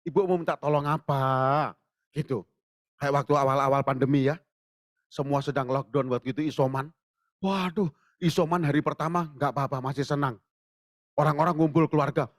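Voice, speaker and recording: A man preaching a sermon in church, telling stories with animated acted-out dialogue and jokes for the congregation. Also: a little high, a little fast, dry recording, studio quality. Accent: Indonesian. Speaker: pastor. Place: church sanctuary.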